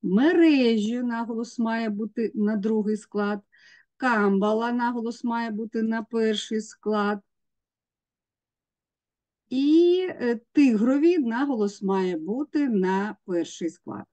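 A woman's voice: a little high, slow pace, warm tone. A woman teacher, walking students through exam tasks step by step and sounding out letters. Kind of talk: exam prep lesson.

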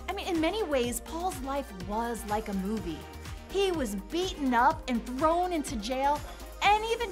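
Woman, kids' Bible lesson, lively storytelling, music behind. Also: high voice. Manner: animated storytelling. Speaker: children's church teacher. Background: background music.

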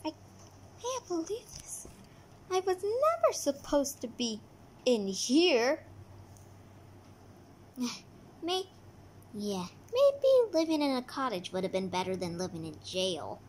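A woman voicing a regretful young princess in jail in a toy doll play, speaking softly and wistfully with sighs. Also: high-pitched, sing-song, slow, long pauses, a little hiss or hum, heavily acted. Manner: soft, sighing, wistful.

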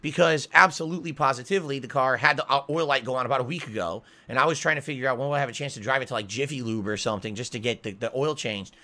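Racing along with few pauses, a middle-aged American man delivers a casual livestream monologue, his medium-pitched voice pushed and bright as he explains things emphatically and aggrieved, peppered with check-in tags. He's close to a pop-filtered desk mic in a small, foam-treated home room.

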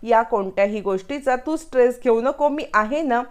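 A woman's voice: on the high side, moderate pace, clear, resonant tone, close to an everyday voice. A woman reading the lines of a caring young daughter-in-law who reassures others. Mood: reassuring.

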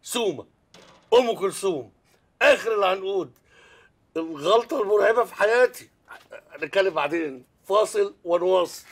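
A wry Egyptian dad. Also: male voice, high voice, expressive, moderate pace, pauses often. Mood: flustered. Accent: Egyptian Arabic. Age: middle-aged. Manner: wry, theatrical, chatty. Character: middle-aged father, wry and talkative. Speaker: father of four daughters. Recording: TV drama with background score.

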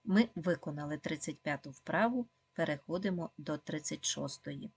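Female primary teacher, low husky voice, dry close sound, patient encouraging delivery. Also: expressive, dry recording. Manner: slow, clear, encouraging, with frequent praise and questions to pupils. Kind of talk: video lesson for second graders.

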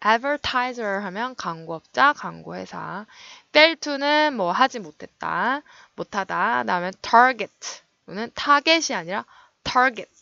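A woman teaching English vocabulary in a recorded lecture, her voice bright and edged with vocal fry. She explains meanings and stress, often slowing down to model pronunciation. The sound is dry and a little dull, like lo-fi lecture audio. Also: mid-range voice, lively intonation, no room sound.

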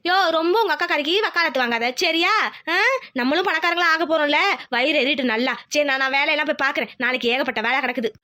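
A woman voicing a bossy, scheming village mother-in-law in a cartoon, talking quickly and insistently. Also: sits high, pushed and bright. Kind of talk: cartoon voice acting.

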